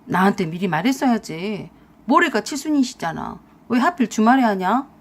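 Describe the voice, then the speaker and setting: A woman's voice: medium pitch, sing-song, normal speed. Woman doing a whiny, scheming husband. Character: lazy, scheming husband, grown man, whiny and sly.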